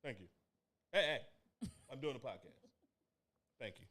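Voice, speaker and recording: A Newark, New Jersey man co-hosting a podcast rambles loosely and profanely, with laughs, in a casual chat. He speaks at medium pitch in an unhurried, sing-song way with a sharp tone, on a dry recording.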